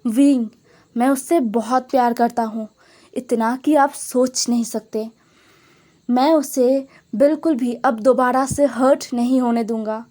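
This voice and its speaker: A woman doing a defiant young man, angry and high-voiced. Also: fairly even intonation, a little slow, dark tone, lightly acted. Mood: heated. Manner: heated, defiant. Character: angry young man defending his lover.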